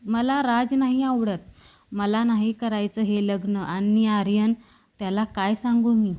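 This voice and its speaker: A woman voicing a young woman who pleads tearfully and speaks a little higher than her narration. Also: fairly even intonation, unhurried, warm tone, natural voice. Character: young woman, a politician's daughter, in love and pleading.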